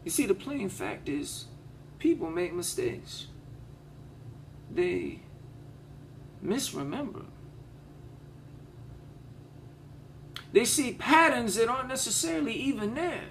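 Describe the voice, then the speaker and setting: A man playing a folksy, impassioned Southern defense lawyer in a courtroom monologue, with a honeyed, theatrical drawl and deliberate repetition for emphasis. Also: very high voice, expressive, creaky, a little hiss or hum, heavily acted. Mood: measured. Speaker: auditioning actor. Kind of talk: audition monologue, courtroom speech.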